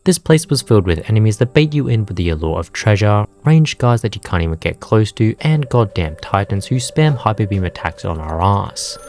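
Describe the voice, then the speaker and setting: A young man narrating his gameplay in a scripted, comedic way, with sarcastic, profane jokes told in a deadpan manner. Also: fairly low pitch, fairly quick, hardly any pauses. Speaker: gaming video narrator.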